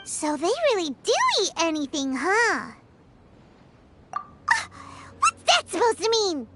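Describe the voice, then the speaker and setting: A woman voicing a tiny, excitable, food-loving childlike fairy companion in a video game, with a squeaky voice. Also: slow, background noise, heavily acted. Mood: curious. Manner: speaks of herself in third person, exclamatory. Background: music.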